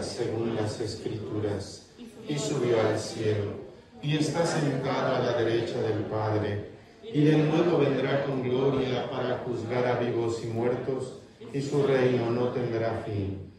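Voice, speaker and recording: Priest reciting the creed in church. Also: male voice, medium pitch. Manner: measured liturgical recitation. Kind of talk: leading Mass prayers. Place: church sanctuary. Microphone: far camera. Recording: echoey church from far off, congregation audible.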